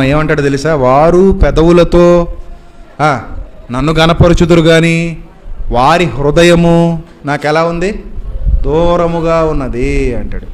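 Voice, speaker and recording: A male preacher delivering a sermon, admonishing his listeners with many rhetorical questions. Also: a little high.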